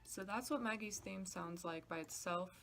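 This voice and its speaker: A gravelly, fairly bright mid-range female voice at a moderate pace belongs to a podcast composer. She casually walks listeners behind the scenes, explaining in an informal, somewhat hesitant way, with music demo clips playing in the background.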